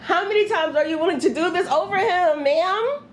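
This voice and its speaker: A woman's voice: very high voice, fast talker, slight background noise. A woman from New Jersey hosting a candid advice podcast, talking bluntly with profanity and frequent laughter. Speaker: podcast host.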